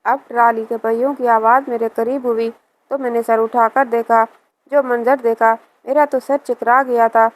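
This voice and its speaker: A woman telling a scripted first-person story with a steady, even delivery. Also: a little high, low-quality recording.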